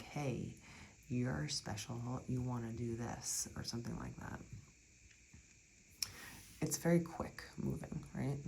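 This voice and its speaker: Gravelly tarot reader, chatty and soft. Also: mid-range voice, a little hiss or hum, low-quality recording. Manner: chatty, reassuring, drifts into soft whispers. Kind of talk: casual tarot reading.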